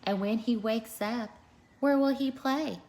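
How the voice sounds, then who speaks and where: A woman's voice: fairly high pitch, unhurried, darkish tone, voice pushed up. A woman voicing a practical mother who questions her young son in a storybook reading. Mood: questioning, concerned. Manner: questioning, pointed.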